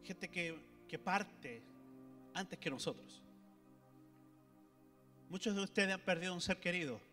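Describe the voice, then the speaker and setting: A man's voice: high-pitched, lively intonation, unhurried, bright, forceful tone, big-room sound, soft background music. A man, a pastor preaching animatedly and speaking directly to the congregation. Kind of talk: sermon. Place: church hall.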